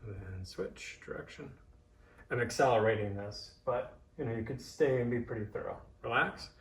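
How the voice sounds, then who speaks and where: A man's voice: mid-range voice, moderate pace, vocal fry, slight background noise. A man giving an informal hands-on demonstration as an instructor, thinking aloud and coaching in short cues. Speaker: massage therapist and instructor. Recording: echoey room, distant microphone.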